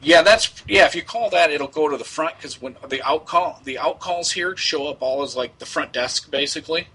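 A man talks casually on a call, like an organizer walking someone through details. His voice is sharp and a little raspy, and he repeats himself as he explains. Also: on the high side, normal speed, poor audio. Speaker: prank caller posing as a prison program organizer. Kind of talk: improvised casual phone talk.

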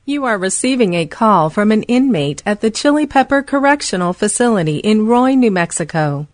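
Woman voicing an automated phone recording, heard over the line, formal even prompts, mid pitch, dry. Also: normal speed, no room sound. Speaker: automated phone system announcer.

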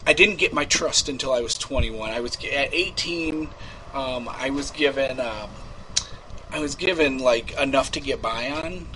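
A man's voice: medium pitch, normal speed, bright, forceful tone, a little hiss or hum, close to an everyday voice, rough recording. A man playing a creepy, unhinged rich young man who rambles and stammers through filler words in a prank-call comedy bit. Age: 20s.

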